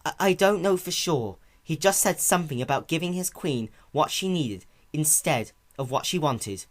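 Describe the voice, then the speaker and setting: A performer voices a caring female pony in a story reading based on a cartoon, soft, patient and reassuring like a big sister, with a guilty mood. The voice is natural, mid-range and expressive, pushed up, at a normal speed.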